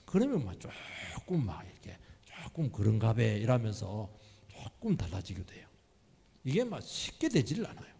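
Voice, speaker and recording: Emphatic husky preacher in a reverberant hall. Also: male voice, fairly high pitch, a little mellow. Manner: emphatic preaching, asking the congregation questions. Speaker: pastor. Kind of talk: sermon. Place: church sanctuary. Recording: long reverb of a church hall.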